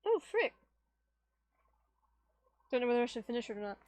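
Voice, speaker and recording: A woman's voice: a little high, sing-song, moderate pace, a little mellow, a little hiss or hum. A woman hosting a gaming stream, chatting casually, laughing often and reading out chat. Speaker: streamer and host. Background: faint game music.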